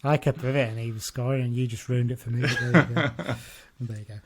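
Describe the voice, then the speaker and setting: A man hosts a relaxed football podcast in an ordinary mid-pitched voice. He chats along loosely, restarting and correcting himself as he goes. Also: fast talker. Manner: chatty, with frequent restarts and self-corrections. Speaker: podcast host. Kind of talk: casual football chat.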